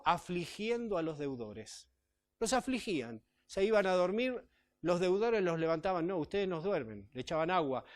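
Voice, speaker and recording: A man, a pastor preaching a sermon in church, reading scripture and explaining it in a conversational way. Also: sits high. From Chile. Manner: conversational, with tag questions to the congregation.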